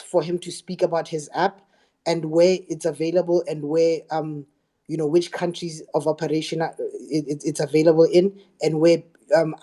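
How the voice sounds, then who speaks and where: A man's voice: on the high side, warm tone. A man speaking up in a live audio discussion, hesitant and apologetic, repeating words. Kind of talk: casual remarks on a live audio room.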